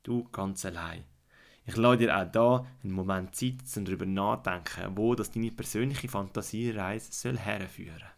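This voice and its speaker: Man, Swiss German accent, lowish pitch, sleep story narrator, soothing guided relaxation, repeated gentle instructions. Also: gravelly. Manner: soothing, slow instructions with repetition, at times dropping to a hush.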